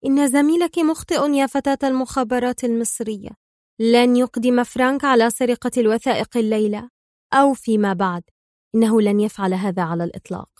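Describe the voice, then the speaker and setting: A woman's voice: fairly high pitch, fairly even intonation, quick pace, darkish tone, no echo, lightly acted. A woman voicing a furious, scheming female spy who shrieks in hysterical anger, close to tears. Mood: mocking.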